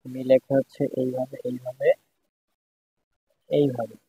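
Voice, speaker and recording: Guy teaching kana, says each sound over and over, kinda husky, monotone, thin phone-ish audio. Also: medium pitch, a little slow. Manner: patient, repeats each syllable several times. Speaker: Japanese language teacher. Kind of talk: step-by-step writing lesson. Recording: dry, phone-like tinny sound.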